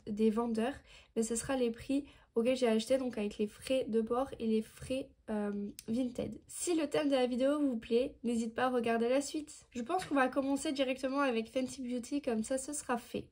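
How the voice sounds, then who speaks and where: A woman's voice: high voice, fairly even intonation, moderate pace, darkish tone. A nineteen-year-old woman chatting through a beauty haul video, explaining each product with lots of fillers. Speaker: beauty vlogger.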